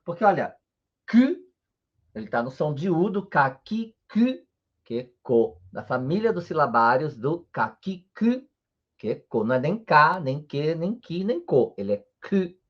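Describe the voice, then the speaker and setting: A man's voice: on the high side, lively intonation, moderate pace, lo-fi sound. A man teaching a live-streamed language lesson, explaining patiently, checking in often with his viewers, and chanting rows of syllables in a sing-song way. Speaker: Japanese teacher.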